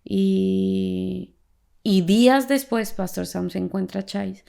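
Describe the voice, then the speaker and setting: Creaky-voiced woman podcast host. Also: medium pitch, takes it slowly. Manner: animated storyteller who laughs as she talks. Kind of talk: faith testimony conversation.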